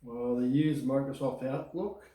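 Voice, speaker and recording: A man's voice: medium pitch, steady tone, measured pace, dark tone, slight background noise. A man chatting casually as a trainee in an assessment, often repeating short affirmations. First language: Macedonian. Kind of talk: casual spoken assessment conversation. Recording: echoey room.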